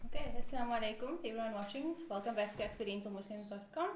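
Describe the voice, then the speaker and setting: A woman's voice: fairly high pitch, racing, a little hiss or hum. A woman hosting an interview, friendly and brief in her acknowledgements. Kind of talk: casual interview. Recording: echoey room with crowd behind.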